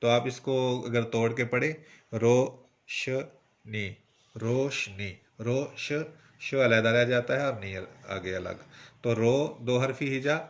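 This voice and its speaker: Brief: Pakistani man with a Punjabi-tinged accent, mid-pitched voice, poetry teacher, slow and methodical, sounds out syllables. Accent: Punjabi-influenced Urdu. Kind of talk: instructional lesson.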